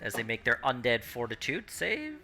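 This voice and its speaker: A man's voice: medium pitch, wildly swooping pitch, normal speed, pushed and bright, soft background music. A man running a tabletop game as game master, narrating and explaining rules casually.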